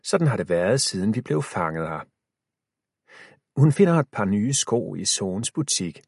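A man reads a children's adventure aloud, lively in pitch and quickening or slowing with the suspense. His voice is low and husky, recorded close and dry. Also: dry recording. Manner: expressive, shifting pace with the tension. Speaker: audiobook narrator. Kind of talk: scripted storybook narration.

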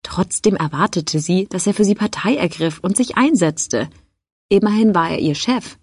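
A woman narrating a story in a steady audiobook reading. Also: medium pitch, moderate pace, husky, no echo, clean studio sound.

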